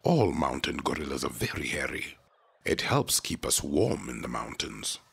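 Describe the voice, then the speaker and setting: Proud, gentle gorilla patriarch for kids' educational show; extremely low, raspy voice. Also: male voice, very animated, moderate pace, exaggerated voice. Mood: proud, explaining. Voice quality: very deep, gravelly, husky. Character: proud gentle male silverback mountain gorilla, head of his troop. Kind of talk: scripted children's educational show.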